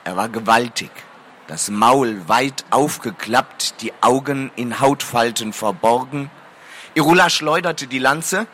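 A man's voice: mid-range voice, slow pace, fairly bright tone, a little hiss or hum. A man reading a fantasy novel aloud to an audience, addressing listeners formally between passages.

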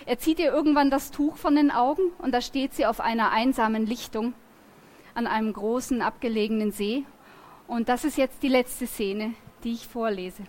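A woman reading a novel aloud in a lively, expressive storytelling manner. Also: a little high, moderate pace, a little hiss or hum. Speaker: reader.

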